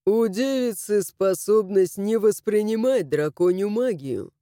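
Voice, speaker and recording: Woman doing a mocking crow-like dragon, lowered and drawling, dark and mellow, dry storybook read. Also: animated, measured pace, no room sound, lightly acted. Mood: sardonic. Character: sardonic male dragon like a big crow. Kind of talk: audiobook character voicing.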